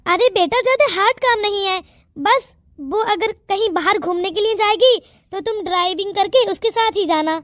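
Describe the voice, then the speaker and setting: A woman doing a stern cartoon father, very high voice, dry sound, commanding. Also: moderate pace, no room sound. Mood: earnest. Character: stern older father, wealthy household head.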